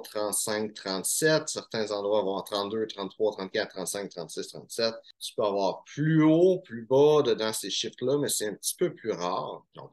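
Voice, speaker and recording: Casual Québécois man explaining shirts. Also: on the low side. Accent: Québécois French. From Quebec, Canada. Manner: chatty, informal, many fillers and restarts. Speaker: menswear style YouTuber. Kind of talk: casual instructional talk to camera.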